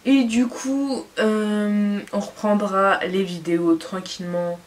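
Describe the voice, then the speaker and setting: A woman's voice: mid-range voice, steady tone, takes it slowly. A young adult woman chatting enthusiastically in a casual fashion and beauty haul vlog, with lots of fillers. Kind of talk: casual haul video chat.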